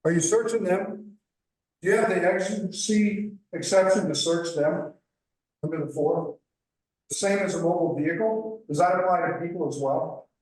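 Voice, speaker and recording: A man from Iowa phones in with a plain, matter-of-fact question. His voice sits high for a man and comes through heavily echoed, as if a second device were playing it back into the line. He also sounds distant from the microphone. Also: normal speed, darkish tone. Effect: echo from a second device feeding back. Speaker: caller. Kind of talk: call-in question on a live show. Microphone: remote call-in audio. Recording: echoey call-in line, far from mic.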